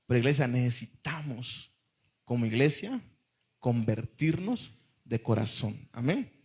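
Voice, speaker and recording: A man's voice: mid-range voice, expressive, measured pace, darkish tone, breathy edge. A man, a pastor preaching a sermon to a congregation in church, emphatic and often calling out to the listeners.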